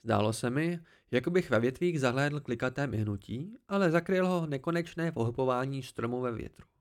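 A man reading an amateur audiobook in a calm, even storytelling manner. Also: mid-range voice. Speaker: audiobook narrator.

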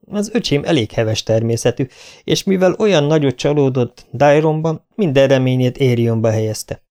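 Egy férfi, aki egy nyugodt, komoly trónörököst szólaltat meg, megfontoltan érvelve. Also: male voice, medium pitch, animated, mellow, natural voice. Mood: grave. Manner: measured, reasoning. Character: calm, grave royal prince, heir.

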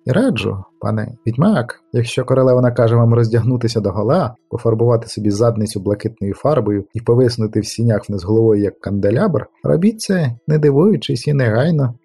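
A man's voice: medium pitch, expressive, brisk, few pauses, warm tone, slightly rough. A man voicing a touchy, lecturing middle-aged castle steward in an audiobook. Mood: huffy. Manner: offended, lecturing.

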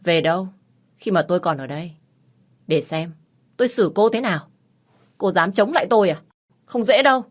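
A cold, domineering young husband who has been drinking, as a woman reads him, curt and mocking with a quiet threat under his words. He is the brooding male lead of a romance audiobook, read in a low voice. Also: steady tone, moderate pace, pauses often, natural voice. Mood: menacing.

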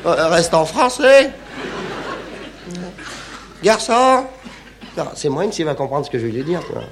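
A man's voice: on the high side, very animated, fairly quick, background noise. A man performing a comic stage monologue, in an indignant, exclaiming, mock-stubborn manner. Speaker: comedian.

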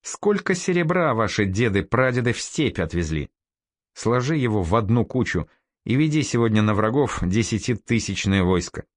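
A man's voice: fairly low pitch, big pitch swings, normal speed, no echo, clean studio sound. Man doing a stern veteran commander. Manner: sharp, drill-sergeant orders. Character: stern scarred male commander, curt and commanding.

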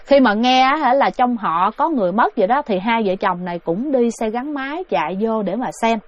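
Woman storyteller, fairly high voice, talks straight to listeners; muffled dry sound. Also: animated, brisk, no room sound. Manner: chatty, addresses listeners directly. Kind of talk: casual spoken ghost story. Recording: dull, dry recording.

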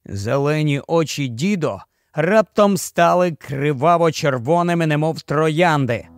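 A man's voice: fairly high pitch, animated, unhurried, no room sound, clean studio sound. A man narrating a horror audiobook in a dramatic, tense storytelling manner. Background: faint music.

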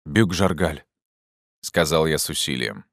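Deep-voiced male audiobook narrator. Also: steady tone, normal speed, a bit bright, dry recording, studio quality. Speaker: audiobook reader. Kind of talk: first-person literary narration.

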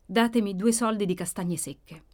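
A woman voicing a worn, anxious young woman in an audiobook, speaking hushed and restrained with a trembling edge. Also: mid-range voice, normal speed, lightly acted. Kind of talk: audiobook character reading.

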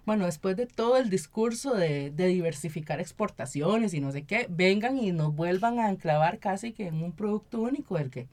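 A woman with a Costa Rican accent, a local council member and activist, is a guest on a conversational radio interview. Her low-leaning, slightly mellow voice has lively intonation at normal speed with hardly any pauses. She explains things at length and often checks in by tagging statements with "¿verdad?".

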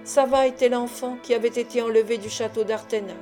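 A woman narrating a classic adventure novel as an audiobook, in a measured, clear storytelling delivery. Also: fairly high pitch, fairly even intonation, over music. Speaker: audiobook reader.

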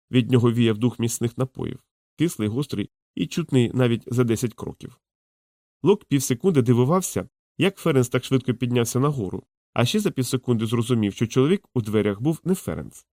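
A man narrating a fantasy audiobook in a steady, measured storytelling voice. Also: medium pitch, no echo, clean studio sound. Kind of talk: scripted narration.

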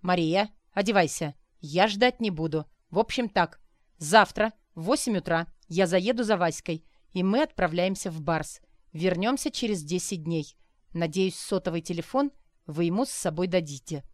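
A woman's voice: fairly low pitch, lively intonation, moderate pace, no room sound, studio quality, lightly acted. A woman voicing a boorish, self-important male schoolteacher who barks and lectures. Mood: commanding. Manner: gruff, barking, self-important.

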